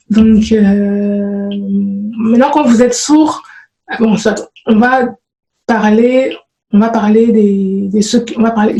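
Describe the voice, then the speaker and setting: A woman talks to her viewers in a relaxed, halting way, full of fillers and restarted phrases. Her voice sits a little high but sounds dark and mellow. The recording has a noticeable room echo. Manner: hesitant, many fillers and restarts. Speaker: programming vlogger. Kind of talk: casual spoken advice to viewers.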